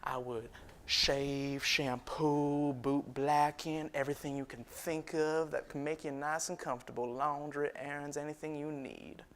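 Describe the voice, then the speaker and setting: A man's voice: on the high side, level tone, a little slow, fairly bright tone. A man playing a proud former slave turned barber entrepreneur, telling his story in a folksy first-person monologue with frequent chuckles. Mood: boastful. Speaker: historical reenactor.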